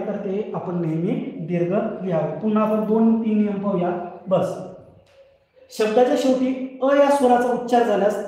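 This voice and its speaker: Male teacher, high-pitched, patient, repeats rules, quizzes himself; echoey distant room recording. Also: dark tone. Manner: explains patiently, asks questions and answers them himself; repeats each rule several times. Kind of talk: online scholarship exam grammar lesson. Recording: very echoey hall, voice far from the mic.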